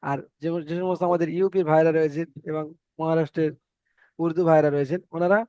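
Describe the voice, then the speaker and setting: A man's voice: a little high, fairly even intonation, a little fast, warm tone, clear, resonant tone, no room sound, dull audio. A male teacher with an Indian Bengali accent, leading an online Arabic reading lesson and patiently repeating letter sounds for his students. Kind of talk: online Quran reading class.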